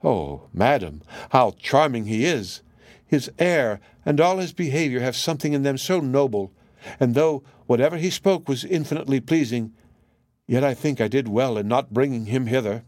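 A man's voice: mid-range voice, lively intonation, moderate pace, a little mellow, dry recording, natural voice. A man voicing a devoted young lady-in-waiting in a storybook reading, with a gushing, admiring manner.

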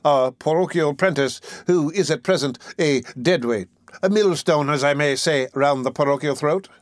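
A man's voice: on the high side, moderate pace, no room sound, pitched above the performer's own voice, lightly acted. A man doing a pompous, blustering beadle. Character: pompous, self-important male parish beadle, middle-aged. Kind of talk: audiobook character reading.

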